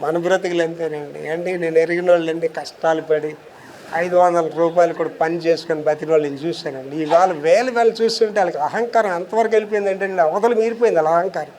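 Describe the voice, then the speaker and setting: Male preacher, high tenor, emphatic sermon style, rhetorical questions, slow deliberate scripture readings. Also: a little mellow, a little hiss or hum. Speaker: pastor.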